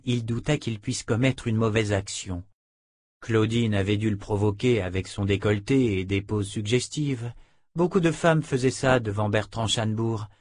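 A man narrating a novel in a steady, measured reading voice. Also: on the low side, dry recording, clean studio sound. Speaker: audiobook narrator. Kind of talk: scripted narration.

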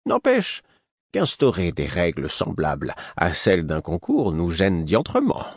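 A man voicing an older male spymaster who speaks in a measured, ironic way, in an audiobook. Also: low-pitched, huge pitch swings, creaky, slightly rough, no room sound, studio quality, full character voice. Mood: wry.

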